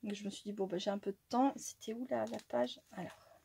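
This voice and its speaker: A French-speaking woman chatting casually as she opens her mail, easily delighted, laughing often and sometimes dropping to a soft whisper. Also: mid-range voice, fairly even intonation, brisk, vocal fry, husky. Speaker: crafting channel host. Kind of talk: casual chat while opening mail.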